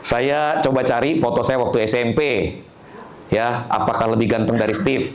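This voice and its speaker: A man, a pastor telling a humorous story in an animated sermon. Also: mid-range voice, normal speed.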